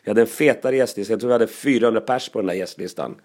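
Lively man telling anecdotes. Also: on the low side. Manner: lively storyteller with laughs and asides. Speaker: comedian.

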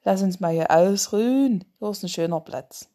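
A woman's voice: mid-range voice, normal speed, warm tone, natural voice. A woman voicing a big, cheerful, helpful hippo in a storybook reading, speaking up eagerly.

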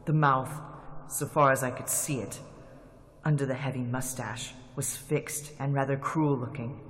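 Over loud music, a man narrates a classic radio drama in a tense, dramatic storytelling style, serving as both narrator and lead actor. His voice is medium-pitched and steady in tone, and he speaks a little slowly.

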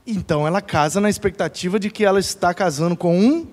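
A man preaching a church talk in a lively, animated storytelling way, laughing along with his own jokes. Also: high-pitched, fast. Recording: echoey hall reverb.

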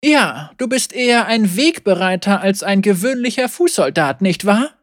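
Woman voicing a stern sheriff woman, cool, mocking, coldly threatening, lively intonation, dry close sound, storybook reading. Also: medium pitch, normal speed, no room sound, natural voice. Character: stern, cool-headed female sheriff, adult.

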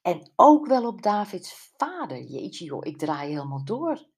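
A playful, excitable best friend in an audiobook mystery, as a woman narrator plays her. The voice is husky and slow. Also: on the low side, heavily acted. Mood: excited.

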